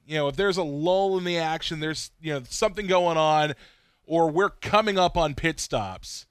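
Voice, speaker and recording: High-voiced animated man, dry sound. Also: moderate pace, clean tone, no echo. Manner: animated storyteller, acts out quotes. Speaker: podcast co-host. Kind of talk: casual chat.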